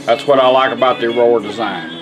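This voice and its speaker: This middle-aged man with a Southern American accent restores radios and demonstrates products, and here he gives a casual, plainspoken, folksy demonstration. He talks fast at a medium pitch over background music, and the audio quality is poor.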